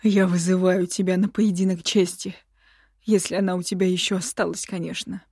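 A woman's voice: fairly low pitch, level tone, normal speed, mellow, husky, no room sound, studio quality. A woman voicing a proud nobleman who defies the emperor with firm, raised declarations. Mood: defiant. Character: proud defiant nobleman, a father standing up to the emperor.

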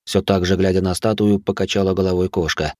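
A man's voice: deep voice, little pitch movement, fairly quick, a little mellow, no room sound. A man narrating a first-person audiobook in a dry, wry storytelling manner.

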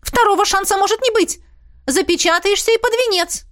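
A woman reading an audiobook and voicing a vain, gushing middle-aged mother in an excited, high sing-song chatter. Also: a little fast. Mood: insistent. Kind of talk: audiobook character voice.

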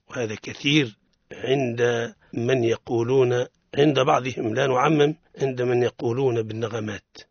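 A man's voice: mid-range voice, vocal fry, no room sound. Male radio teacher of recitation, corrects errors and demonstrates; muffled broadcast quality. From Tunisia. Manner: explains pronunciation errors, then models the correct form. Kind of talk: radio tajweed lesson. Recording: dull lo-fi radio sound.

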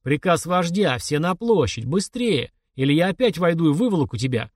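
A man's voice: a little high, big pitch swings, moderate pace, dry recording, clean studio sound, pitched above the performer's own voice. Man doing a crude bragging village guard.

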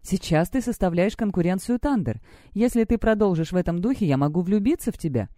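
Woman doing a cocky grinning schoolboy, teasing, mellow dry sound. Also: on the low side, lively intonation, fairly quick, no echo, lightly acted. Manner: teasing, amused. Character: cocky teenage boy student, grinning.

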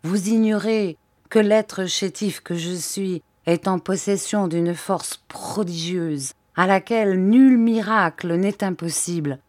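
A woman reading aloud who voices an excitable young English male inventor, exclaiming in loud, feverish outbursts. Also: lowish voice, no echo, clean studio sound, natural voice.

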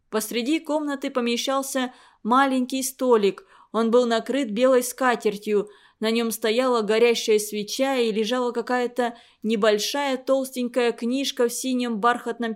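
Storybook reader: woman, fairly high voice. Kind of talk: reading a story aloud.

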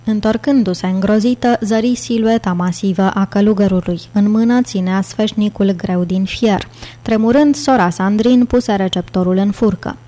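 A woman reading an audiobook with steady, even storytelling. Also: mid-range voice. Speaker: audiobook narrator. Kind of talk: scripted audiobook narration.

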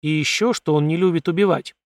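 A man doing a whiny little scavenger, gravelly. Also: on the high side, fairly quick, no echo, natural voice. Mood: grumbling. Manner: grumbling, sullen, pleading. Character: whiny, suspicious little male desert scavenger.

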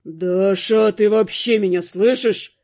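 Audiobook: angry young fire mage, low growl, forceful, put on by a woman narrator. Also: a little slow. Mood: furious. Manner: growling, hissing. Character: furious young male fire mage, redhead. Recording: dull lo-fi with faint music.

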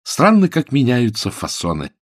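A man's voice: medium pitch, wildly swooping pitch, normal speed, no room sound, clean studio sound, pitched above the performer's own voice. Man voicing an ardent, insistent young suitor. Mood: eager. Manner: eager, insistent, repeats himself.

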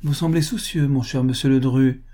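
A man reading the part of a sharp-tongued old gossip with a mocking, arch manner. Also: mid-range voice, fairly even intonation, moderate pace, pitched above the performer's own voice, close to an everyday voice.

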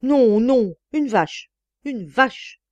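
A woman voicing a lecherous, stammering older male employer who pleads with his maid, in a slow, unhurried read. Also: mid-range voice, mellow, no room sound, lo-fi sound, close to an everyday voice. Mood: pleading.

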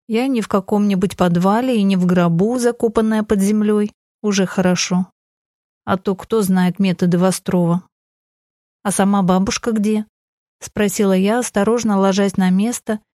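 A woman's voice: medium pitch, mellow, no echo, studio quality. A woman narrating a novel in the first person, with earnest, emotional delivery. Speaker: audiobook narrator.

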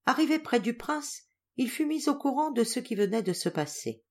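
A woman reads a classic novel aloud as an audiobook narrator. Her delivery is clear and expressive. Her pitch moves freely through each sentence. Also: normal speed. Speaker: audiobook reader. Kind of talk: scripted narration.

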